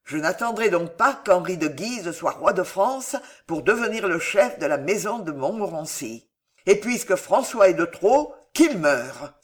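A man's voice: sits high, lively intonation, moderate pace, hardly any pauses. A man reading the inner speech of a tormented nobleman who plots against his brother. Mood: vengeful.

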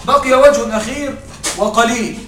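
A man teaching a grammar lesson, explaining step by step, slowing down to dictate parsing phrases and often checking that the class follows. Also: very high-pitched, fairly even intonation, fairly bright tone. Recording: echoey room, distant mic, faint noise.

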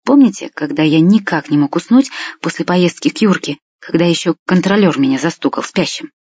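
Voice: medium pitch, animated, brisk, a little mellow, slightly rough, no echo. A reader narrating a first-person story in a plain, wry, confiding way. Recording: dull lo-fi dry recording.

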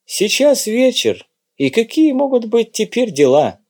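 A man reading an audiobook, voicing a weary, sardonic elderly maître d' who speaks slowly. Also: very high-pitched, sing-song, darkish tone, voice pushed up, heavily acted. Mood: wry. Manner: slow, drawn-out, sardonic. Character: elderly male casino maître d', wry and weary.

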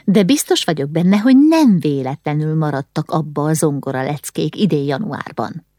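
A woman's voice: low voice, animated, warm tone, no echo, studio quality. Woman doing Tini, an eager young noble girl. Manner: eager and persuasive.

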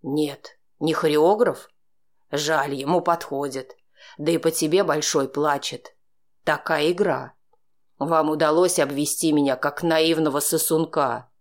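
A woman's voice: steady tone, measured pace. Woman voicing a sneering, menacing drunk man. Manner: mocking, threatening, low and sneering. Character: menacing drunk young man, jealous, cruel. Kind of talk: audiobook character reading.

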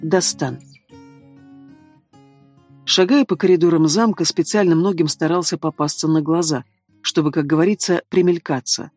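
A man reading a fantasy story aloud in the first person, with steady storytelling delivery. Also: fairly high pitch, a little fast, no echo, soft background music. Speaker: audiobook narrator. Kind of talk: scripted first-person narration.

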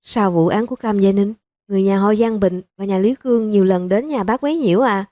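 Woman doing a blunt police chief, hot-tempered, forceful, mellow tone, dry close sound. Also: medium pitch, fairly quick, no echo, lightly acted. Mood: firm.

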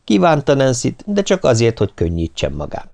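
A man narrating an audiobook with an expressive, dramatic reading. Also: mid-range voice, gravelly.

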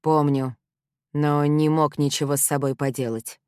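An intense, obsessive young man, read by a woman in an audiobook. He speaks calmly but presses hard, in a low, dark voice. The sound is close and dry. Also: normal speed, smooth, no room sound, lightly acted. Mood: pleading. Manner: calm, quietly pressing.

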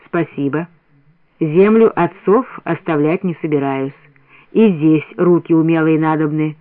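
A man voicing a proud, calm young bell caster who speaks low and restrained. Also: unhurried, close to an everyday voice. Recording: dry, narrow radio sound.

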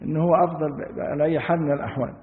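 A man's voice: a little high, steady tone, racing. A man with an Egyptian accent teaching Quran commentary, reading classical passages and explaining them in colloquial speech with rhetorical questions. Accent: Egyptian Arabic. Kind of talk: religious lesson, reading a text and explaining it. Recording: tinny phone-like sound in a reverberant hall.

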